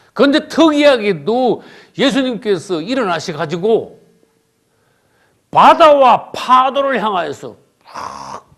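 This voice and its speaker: A man pastor preaching a sermon, emphatic, asking the congregation rhetorical questions and swinging from loud bursts to low murmurs.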